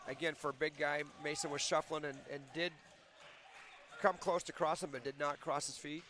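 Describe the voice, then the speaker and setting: A man commentating a high school wrestling meet, chatty and explaining rules and team scores. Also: level tone, moderate pace, pushed and bright. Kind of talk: local sports commentary. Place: school gym.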